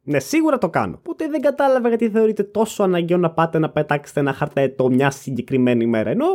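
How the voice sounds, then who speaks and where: Tired, sarcastic young man with a high voice. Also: lively intonation, a little mellow. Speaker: podcast host. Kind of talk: comedic solo monologue. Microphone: condenser mic.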